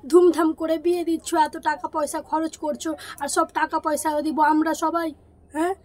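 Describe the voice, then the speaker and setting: Hoarse, high-pitched young woman ranting. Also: flat delivery, fairly quick, dry recording. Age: early 20s. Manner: complaining, rising to loud exasperated outbursts. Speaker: vlogger. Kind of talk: casual vlog rant.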